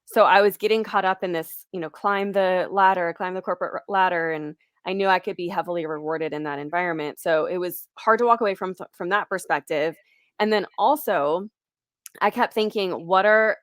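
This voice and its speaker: Low-voiced woman in her twenties. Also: dry recording, studio quality. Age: 20s. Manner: candid, reflective, laughs lightly. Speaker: guest. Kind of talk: interview conversation.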